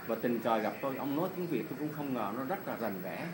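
A man's voice: mid-range voice, animated, fast. A middle-aged man from Vietnam interviewing casually and politely, often repeating answers back. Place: indoor swimming pool hall. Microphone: phone at arm's length. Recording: noisy indoor pool, phone recording.

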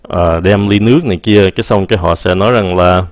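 A man's voice: sits low, no echo. Man, patient English teacher, dry close sound. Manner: patient, repeats English example phrases slowly. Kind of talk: casual explanatory lesson.

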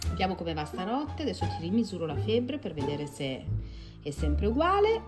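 A woman's voice: on the low side, very animated, normal speed. A woman in her forties, a mother hosting a family vlog, talking in a caring, coaxing way. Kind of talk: casual family vlog chat. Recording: echoey room with music behind.

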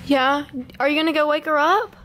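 A young woman with a fairly high voice chats casually. She coaxes and humors with short questions, on a slightly noisy home video in a living room. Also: fairly quick, fairly bright tone. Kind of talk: casual chat.

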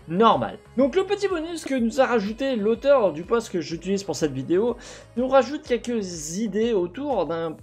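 A young man hosts a gaming video from a home room with a gaming chair, commenting over gameplay into a headset mic. He is animated, gestures as he talks, and fills his speech with fillers and restarts. His voice sits high, at a moderate pace, with faint music behind.

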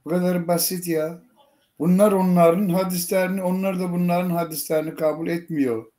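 A native Azerbaijani man debating in halting, broken Turkish with an Azerbaijani accent, often repeating himself. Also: sits high, steady tone, mellow. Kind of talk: live debate. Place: online group call, camera off.

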